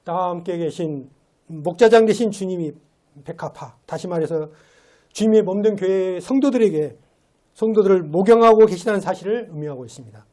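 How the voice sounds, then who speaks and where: A man's voice: high voice, lively intonation, fairly quick, a little mellow. A man giving a sermon as a lay preacher in a church, talking in a conversational way and asking rhetorical questions. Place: church sanctuary.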